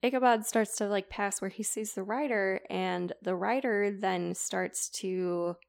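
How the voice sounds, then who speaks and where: A woman's voice: medium pitch, fairly even intonation, unhurried, gravelly. A woman podcast co-host casually retelling a classic story in a chatty, filler-heavy way.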